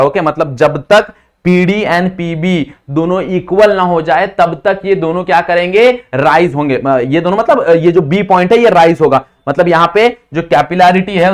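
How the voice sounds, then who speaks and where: A man teaching physics in a lecture style with a slight lisp, who keeps quizzing students with quick questions and calls them brother. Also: sits high. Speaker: physics tutor. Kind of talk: classroom lecture mixing Hindi and English.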